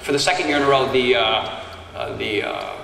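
A middle-aged man telling a story to a live audience from a conference stage, animated and moving around as he talks. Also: mid-range voice, brisk, creaky, crowd noise. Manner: energetic, animated, moves around the stage while talking. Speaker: fitness speaker. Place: large conference hall stage. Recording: echoey hall captured from far off. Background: audience laughter.

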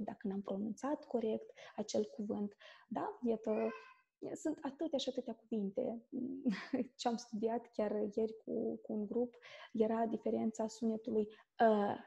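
A woman from Moldova with a Moldovan Romanian accent, an English teacher explaining pronunciation as an interview guest and often checking in with a quick "da?". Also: on the high side, creaky, warm tone, highs cut off.

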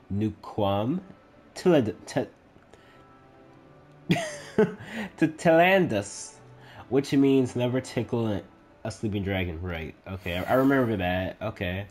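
A man giving casual let's-play commentary, excitable and chatty, reading game text aloud haltingly. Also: fairly low pitch. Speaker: gaming YouTuber.

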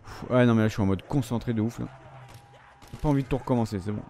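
A man giving live commentary over his gameplay, ranting and swearing in frustration, then talking himself back into calm. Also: mid-range voice, fast talker, a little hiss or hum. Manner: profane, frustrated ranting that swings between outbursts and calming himself. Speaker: gamer recording his gameplay.

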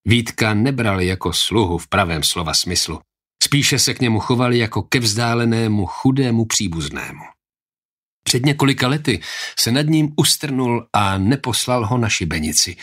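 A man narrating an audiobook in a steady, even storytelling manner. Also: on the low side. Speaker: audiobook reader. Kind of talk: scripted narration.

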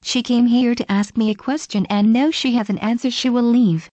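A woman's voice: on the high side, steady tone, moderate pace, dark tone, no room sound, highs cut off, natural voice. A woman voicing a weary old male village leader who speaks curtly and commandingly. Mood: stern. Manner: curt, commanding.

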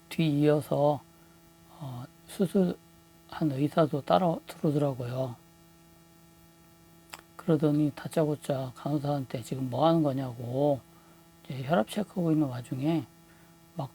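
A man's voice: fairly high pitch, warm tone, a little hiss or hum. A man in his thirties telling a personal story in a casual monologue, hesitant, with many fillers and restarts. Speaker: vlogger, husband recounting a story.

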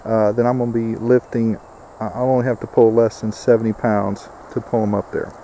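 A man's voice: on the low side, level tone, brisk, warm tone, slight background noise. A man giving a casual, step-by-step how-to walkthrough outdoors on a rural homestead, with plenty of filler words. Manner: plainspoken, many uh fillers, explains step by step. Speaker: homesteader demonstrating a build.

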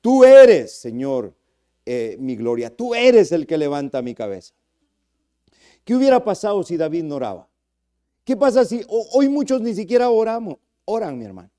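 A man preaching a passionate sermon as pastor, speaking straight to his listeners and swinging from loud cries to hushed lines. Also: sits high, sing-song, moderate pace. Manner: addresses listeners directly as brother. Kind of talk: Spanish-language sermon.

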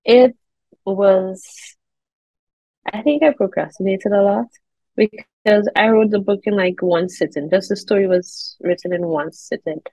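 A woman in her thirties with a Caribbean accent, an air traffic controller and children's author, answers interview questions conversationally as a guest on a video call. Her mid-range voice has a darkish tone and a measured pace, with no room sound. The video-call audio is slightly dull.

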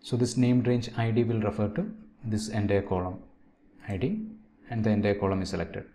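A man narrating a step-by-step software tutorial, dictating each step in short, separated phrases. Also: lowish voice, steady tone, a little fast. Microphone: voice-over on a screen recording. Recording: noisy, with keyboard and mouse clicks.

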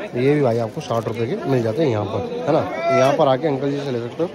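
A young man with a mid-range voice talks fast in a casual walkaround vlog from a busy street market. He keeps asking vendors for prices and repeating them to viewers, filming on a handheld camera in point of view and selfie modes. The background is full of outdoor market crowd noise and chatter.

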